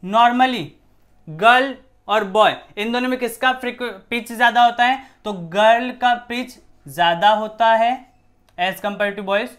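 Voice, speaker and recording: A man's voice: very high voice, a little slow, a bit bright. Male science teacher, casual, repeats and self-questions. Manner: repetitive, rhetorical questions, shifts voice to demonstrate. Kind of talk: casual classroom explanation.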